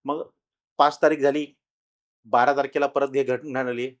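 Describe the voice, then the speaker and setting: A middle-aged man tells his own ghost experience as a podcast guest, talking casually with many pauses and restarts and growing louder at the tense moments. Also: medium pitch, level tone. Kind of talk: casual storytelling in an interview.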